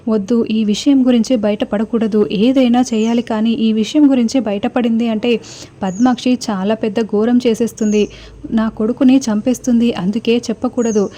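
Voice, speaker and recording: A woman's voice: a little high, fairly even intonation, normal speed, warm tone, natural voice. A woman voicing a worried middle-aged mother thinking aloud about keeping a secret, in a retold TV serial. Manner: inner monologue, worried. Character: anxious scheming middle-aged mother, fearful for her son.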